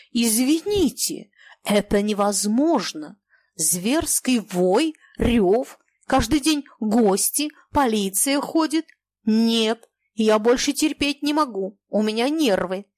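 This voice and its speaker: A woman's voice: expressive, slow pace, a little mellow, no echo. A woman reading an audiobook, voicing an irate landlady with a toothache who hisses, whistles and shrieks her words. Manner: hissing, whistling, shrill.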